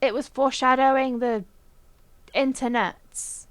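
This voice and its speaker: A woman's voice: sits high, fairly even intonation, a little slow, fairly bright tone. A young woman hosting a let's play, reading a visual novel aloud in a playful, chatty way with frequent giggles. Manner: playful, giggly, chatty asides between narration.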